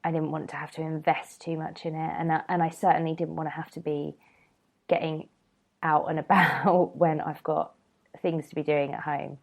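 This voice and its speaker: This low-voiced podcast host speaks at a normal speed with little pitch movement and some vocal fry. Nursing a cold that leaves her a bit nasal, she chats her way through a casual solo episode, rambling and saying um a lot.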